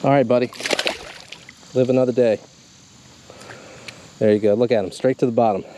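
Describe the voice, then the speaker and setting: With a mid-range voice at normal speed, this young man vlogs about fishing at a pond and from a small boat on a lake, chatting casually and teasing the fish he reels in with excitement. The recording is low quality, carrying a little hiss or hum.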